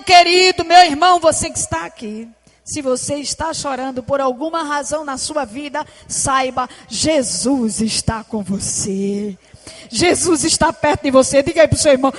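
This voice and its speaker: A woman pastor, preaching a passionate sermon at a church service. She often shouts and calls on the congregation to repeat her words. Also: high voice. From Northeast Brazil. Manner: impassioned preaching, often shouting, with call-and-response prompts to the congregation. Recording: long church hall reverb.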